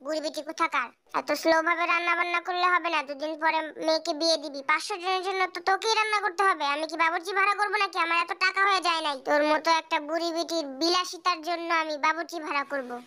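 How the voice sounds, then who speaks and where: A blunt, bossy middle-aged father, voiced by a woman in a home-made audio drama. He snaps insults in a dropped, rougher voice that stays bright. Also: very high-pitched, steady tone, racing, hardly any pauses. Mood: scolding.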